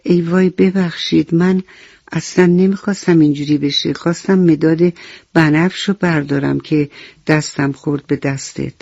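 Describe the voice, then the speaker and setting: Woman doing a gentle small girl in a storybook tale; gravelly, dry studio sound. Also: sits low, steady tone, dry recording. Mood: apologetic. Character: young girl Sara, apologetic and gentle. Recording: dull lo-fi radio recording.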